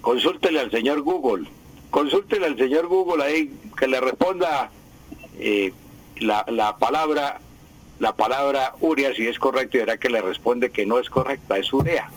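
A man's voice: mid-range voice, normal speed, low-quality recording. A man explaining correct pronunciation on a radio segment, didactic and repeating words to drive the point home. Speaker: language expert guest.

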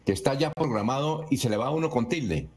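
A man's voice: mid-range voice, animated, fast, a little mellow. A man hosts a morning radio show, giving the time and reading listener questions aloud. When he asks his own questions, he talks in a loose, conversational way with small restarts. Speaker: radio host.

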